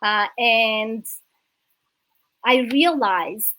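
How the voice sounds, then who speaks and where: A woman in her thirties from Romania, a native Romanian speaker, telling her life story as an interview guest, warm and grateful with many hesitant fillers. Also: on the high side, drawn-out words, no echo, poor audio. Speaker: guest, business coach.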